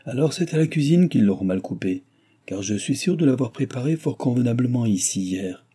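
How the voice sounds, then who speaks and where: A man's voice: mid-range voice, expressive, a little fast, mellow, breathy edge. A man voicing the lady of the house, who answers her husband politely and a little defensively. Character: mild, placating lady of the house.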